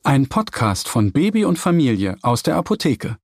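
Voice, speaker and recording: A man's voice: mid-range voice, very animated, normal speed, a little mellow, dry recording, clean studio sound. A man reading an upbeat promo for a family podcast. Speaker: announcer.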